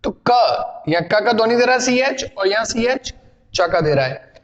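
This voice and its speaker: A man's voice: high-pitched, expressive, unhurried, long reverb tail, muffled recording. A man teaching a spoken English lesson, explaining patiently and asking and answering his own questions. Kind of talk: classroom lesson.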